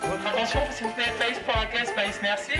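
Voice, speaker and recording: A woman making a brisk, formal staff call over a shop's intercom. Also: on the high side, steady tone, reverberant, loud music behind the voice. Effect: store announcement over the intercom. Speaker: store staff making an announcement. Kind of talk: public address announcement.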